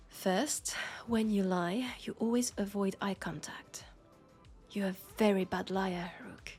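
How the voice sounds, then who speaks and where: A woman with a French accent plays a young policewoman who is sharp and scolding yet caring in an intimate sci-fi roleplay audio drama. Her voice is mid-range and her acting is light.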